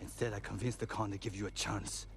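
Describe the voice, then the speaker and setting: A man's voice: lowish voice, flat delivery, fast, lightly acted. An actor playing a grim, bitter samurai man confronting his old friend in a video game cutscene. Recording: game audio with loud score.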